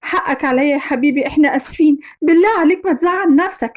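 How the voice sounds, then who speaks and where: A woman's voice: sits high, fast, close to an everyday voice. A woman with an Egyptian accent voicing an indulgent wife and mother who coaxes her husband. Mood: pleading.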